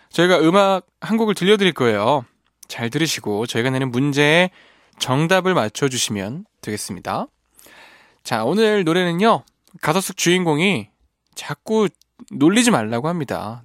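A man's voice: fairly high pitch, no room sound. A man hosting a radio show in a studio, reading listener messages and teasing them playfully with frequent laughs. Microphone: studio microphone.

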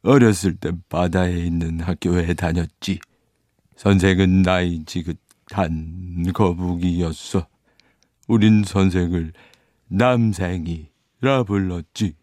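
A man voicing a mournful, self-important old turtle in a storybook reading, with drawn-out, halting phrases and heavy sighs. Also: lowish voice, big pitch swings, darkish tone, no room sound, studio quality. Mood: mournful, wistful.

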